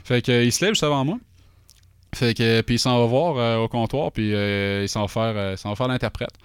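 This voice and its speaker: A middle-aged man with a Québécois accent tells a rambling story in an animated, offhand way, packing it with fillers and quick asides. His voice is smooth and clear, recorded close and dry with no room sound. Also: medium pitch, dry recording. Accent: Québécois French. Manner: animated anecdote-telling with many fillers and asides. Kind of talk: casual chat.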